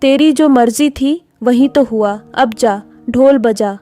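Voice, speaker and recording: A woman's voice: a little high, slow pace, dark tone, soft background music. A woman voicing a sulky, hurt young village husband in a storybook reading, curt and bitter.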